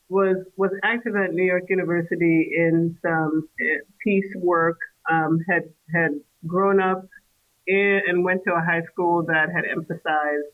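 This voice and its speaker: Halting woman guest on a tinny line. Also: fairly low pitch. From Trinidad. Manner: thoughtful, halting, many fillers and restarts. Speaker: guest, independent scholar. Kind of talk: casual interview conversation. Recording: tinny phone-like remote call line.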